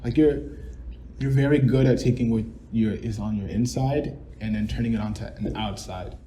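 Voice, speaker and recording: A man's voice: medium pitch, normal speed, warm tone, slight background noise. A young man co-hosting a podcast, chatting in a rambling way with lots of fillers and restarts. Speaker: podcast co-host. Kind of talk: casual reflective chat.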